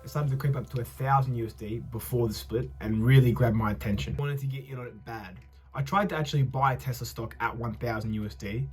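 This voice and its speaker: A man's voice: mid-range voice, a little mellow, slightly rough. A young adult man, talking through his investments in a loose, chatty vlog, often correcting himself mid-sentence. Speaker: investing vlogger. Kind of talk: casual vlog monologue.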